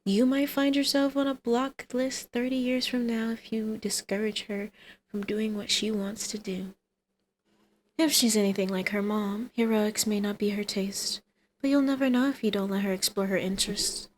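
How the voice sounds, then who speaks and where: A woman speaks at normal speed in a mid-range, everyday-sounding voice with fairly even intonation, playing a doting mother and flirty villainess for ASMR roleplay. She teases, coaxes and turns sardonic, and slight background noise can be heard.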